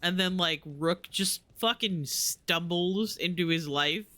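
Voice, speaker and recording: A male streamer talks over his gameplay in a rambling, self-mocking way, speaking slowly and leaning on fillers. His voice is very bright and sits slightly high. He is recorded on a desk mic at home. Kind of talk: casual live-stream chat.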